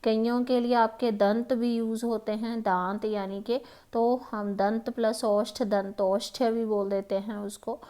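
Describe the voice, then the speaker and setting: A woman with a Himachali Hindi accent explains Hindi exam grammar questions, unhurried and patient, pausing often and checking the listener follows. Her slightly high, mellow voice keeps a level tone as she lingers on each point. She hesitates a lot and keeps repeating "ठीक है" and "है ना".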